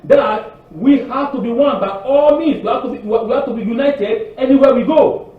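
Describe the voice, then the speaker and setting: A man's voice: extremely high pitch, normal speed. A man preaching a sermon to a congregation, emphatic and repetitive, often restarting his words. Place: congregation hall. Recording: echoey hall from far off, dull.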